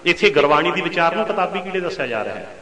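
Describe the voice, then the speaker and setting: A man giving a Sikh katha sermon, chanting scripture lines slowly and then explaining them with quick rhetorical questions. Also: a little high, animated, pushed and bright. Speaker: Sikh preacher. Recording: echoey hall with long reverb.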